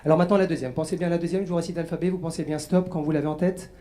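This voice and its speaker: A man's voice: on the high side, fairly even intonation, rapid-fire, mellow. A man performing a live mind-reading demonstration as a radio guest, patiently guiding a volunteer and reciting letters one by one. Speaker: stage mentalist guest.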